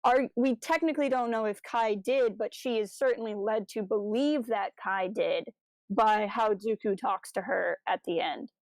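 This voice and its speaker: Casual and keen, a woman co-hosting a podcast picks apart the stories of a fan audio drama. She speaks at medium pitch and a moderate pace, and the audio is dry and poor.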